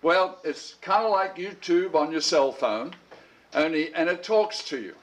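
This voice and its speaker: Leading an informal Bible school lesson, this middle-aged man has a somewhat bright voice pitched a little above the typical male range. He's animated but a touch slow, rambling in a chatty way, repeating words when he restarts, and clearing his throat between ideas.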